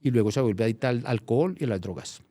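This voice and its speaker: A man's voice: medium pitch, fast talker, no room sound, clean studio sound. A middle-aged man, a journalist, telling anecdotes in a casual interview, often restarting his phrases. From Colombia. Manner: anecdotal, restarts phrases, animated when recounting. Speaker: journalist guest.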